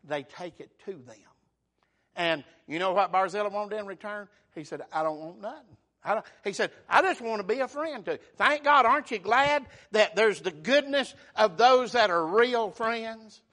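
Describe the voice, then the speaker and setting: A man with a high-sitting, sharp-toned voice preaches a sermon at a moderate pace, retelling a scripture story in everyday words. He uses dialect grammar, voices the scripture figures himself and calls out for amen.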